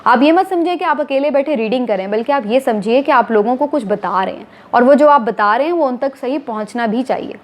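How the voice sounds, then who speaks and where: A woman, a TV anchor calmly explaining to viewers, step by step, how to become a news anchor. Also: high voice, brisk, few pauses. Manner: steady, explanatory, addressing viewers formally. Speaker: TV anchor giving career advice. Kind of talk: instructional talk to camera.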